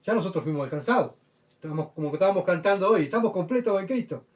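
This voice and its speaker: A man preaching with earnest emphasis, his voice sitting a little higher than most men's. He swings between loud, pleading bursts and quiet asides, often checking that his listeners follow. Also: animated, quick pace. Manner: earnest, emphatic, rhetorical questions. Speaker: pastor. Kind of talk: sermon.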